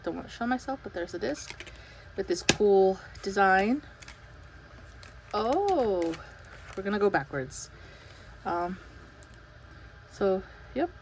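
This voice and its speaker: A woman's voice: mid-range voice, takes it slowly, long pauses, slight background noise, low-quality recording. Breathless chatty young woman vlogging. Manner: chatty, excited, many fillers and laughs. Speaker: vlogger unboxing an album. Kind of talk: casual chat.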